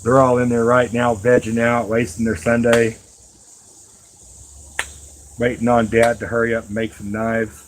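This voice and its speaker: A middle-aged man who streams live and makes knives talks to his viewers casually and folksily, rambling as he works with his hands. His mid-range voice shows little pitch movement, moving a little slowly with frequent pauses, and there's a little hiss or hum.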